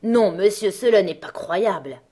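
A woman's voice: medium pitch, moderate pace, slightly rough, close to an everyday voice. A woman reading the part of a sly, fussy male servant in an audiobook, with mock-indignant, sputtering scorn. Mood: scornful.

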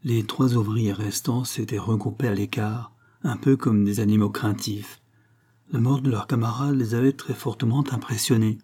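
A man narrating a crime novel as an audiobook in a measured, even way. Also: medium pitch, breathy edge.

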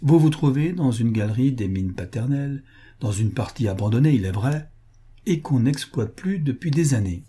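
A man voicing a sly male villain who speaks in a honeyed, ironic, mockingly gentle way. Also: mid-range voice, lively intonation, moderate pace. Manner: smooth, honeyed, mock-gentle.

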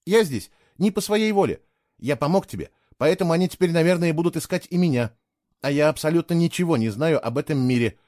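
A man's voice: fairly high pitch, lively intonation, fairly quick, darkish tone, pitched above the performer's own voice, lightly acted. A man voicing an indignant young man, a stranger in a strange world, speaking in an irritated, insistent way. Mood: earnest.

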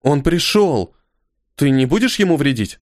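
A cautious, earnest young woman asks soft, careful questions in a raised, lighter voice, as a male audiobook reader puts her on. The recording is dry and close. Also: fairly high pitch, very animated, measured pace, no room sound, pitched above the performer's own voice. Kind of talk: audiobook character voice.

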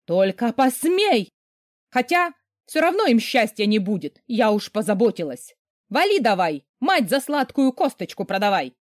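A woman's voice: lowish voice, animated, moderate pace, no echo, close to an everyday voice. A bitter, scheming middle-aged mother in a storybook, cold and contemptuous, her voice rising and falling with spite, as a woman reader puts her on. The sound is dry and close. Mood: screeching.

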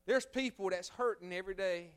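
A man preaching a revival sermon as a guest preacher, swinging from loud fervent exhortation to hushed storytelling. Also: high voice, fairly quick, clear, resonant tone. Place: church sanctuary.

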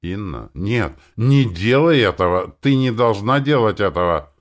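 A man voicing a frightened, desperate man who shouts and pleads. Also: fairly low pitch, lively intonation, normal speed, pitched above the performer's own voice, natural voice.

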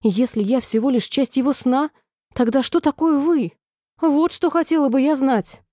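A woman's voice: medium pitch, expressive, brisk, mellow, no room sound, studio quality, lightly acted. A woman voicing a polite, curious little girl in a storybook reading, speaking earnestly and asking questions.

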